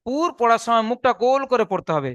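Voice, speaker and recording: A man's voice: very high-pitched, animated, fast talker, a bit bright, no echo, dull audio. A man teaching an online Quran reading class, patient, repeating each letter and point twice.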